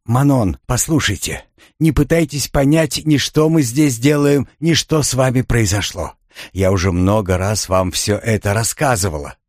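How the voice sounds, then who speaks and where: A man's voice: mid-range voice, animated, moderate pace, a little mellow, no echo, clean studio sound, natural voice. A man reading an audiobook, voicing a determined young woman police lieutenant who speaks firmly and reassuringly. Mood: urging. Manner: firm, reassuring.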